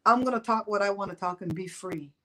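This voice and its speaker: A woman from Belize in her fifties, with a Belizean Creole accent, talks fast and sharply as she hosts a live chat with viewers, blunt, gossipy and quick to laugh. Her voice is mid-range, and the recording quality is low.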